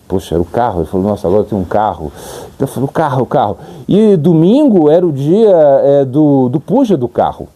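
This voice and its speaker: A man's voice: medium pitch, sing-song, fast talker, mellow. A middle-aged man with a Brazilian accent, a monk giving an informal sermon who tells stories and acts out dialogue and sound effects. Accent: Brazilian Portuguese. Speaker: monk giving a spiritual talk.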